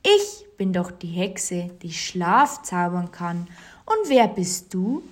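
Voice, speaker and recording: A woman voicing a calm storybook witch who casts sleep, talking low and soothing. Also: slow, full character voice.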